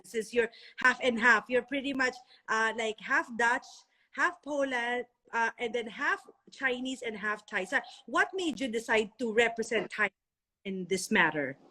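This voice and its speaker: A woman's voice: a little high, bright, forceful tone. A woman hosting a casual live-stream interview over a video call, gushing and effusive, often stumbling over her words. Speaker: interviewer, skincare sponsor. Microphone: phone or laptop video call.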